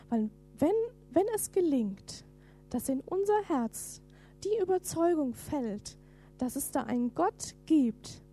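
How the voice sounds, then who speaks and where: A woman preaching a sermon, lively and dramatic as she reads scripture aloud, at times falling to a whisper. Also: sits high.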